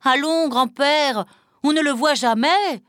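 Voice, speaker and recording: A woman's voice: sits high, slow, a bit bright, no echo, clean studio sound, voice pushed up. A woman doing a bold young storybook boy. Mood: cheeky.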